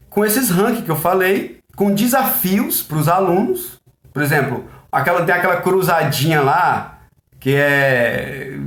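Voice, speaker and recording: A man's voice: high-pitched, roomy sound. A Brazilian man teaching a recorded class in a conversational way, asking and answering his own questions.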